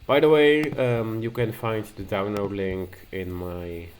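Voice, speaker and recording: A man whose first language is Dutch hosts a casual screen-recording tech tutorial in a low, slow, steady voice. He sounds nervous and hesitant, with many fillers and restarts, over a little hiss or hum.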